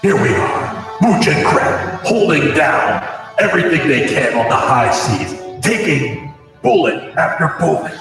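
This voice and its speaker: A man speaking through a voice changer, delivering a hammy mock pirate promo in a drawn-out announcer style. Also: fairly high pitch, a bit bright. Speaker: promo voice for the show. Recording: heavily echoey, long reverb, music behind.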